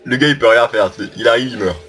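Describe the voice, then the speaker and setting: Taunting excitable male gamer. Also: mid-range voice, fast talker, soft background music. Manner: taunting, excitable, trash-talks opponents. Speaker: gameplay commentator. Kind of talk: casual gameplay commentary.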